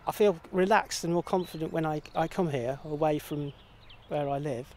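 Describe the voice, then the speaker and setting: A middle-aged man, a farm volunteer, answering interview questions outdoors in a quiet, hesitant way with many pauses. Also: a little high. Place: outdoor field.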